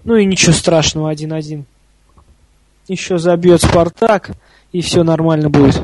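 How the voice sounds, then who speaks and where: A high-pitched male voice delivers live hockey play-by-play in a dry, close sound. He talks like a partisan fan, chatty and colloquial, with fairly little swing in his intonation. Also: steady tone, moderate pace, a little mellow, dry recording, poor audio. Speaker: hockey commentator.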